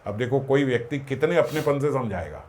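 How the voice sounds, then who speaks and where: A man giving a devotional discourse, explaining scripture verses, asking his own questions and answering them, and slowing down to chant Sanskrit lines. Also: medium pitch, lively intonation, darkish tone, a little hiss or hum. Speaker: spiritual discourse speaker.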